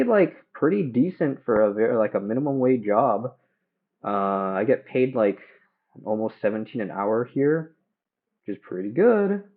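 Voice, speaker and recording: A young man chatting casually and haltingly while cooking at home, livestreaming through headphones used as a mic. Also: mid-range voice, narrow, tinny audio. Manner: hesitant, halting, self-questioning. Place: home kitchen. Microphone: headphones used as a phone mic.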